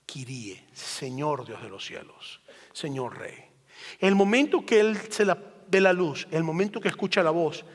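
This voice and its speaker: A man pastor delivering a sermon, emphatic and rhetorical, building his points through repeated phrases. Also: on the high side. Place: church sanctuary. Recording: long hall reverb.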